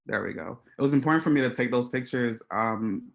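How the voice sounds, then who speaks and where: A man from Haiti giving an artist talk about his photographs, speaking in a hesitant, reflective way with many pauses and restarts. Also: mid-range voice, animated, gravelly. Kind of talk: presenting slides to an audience.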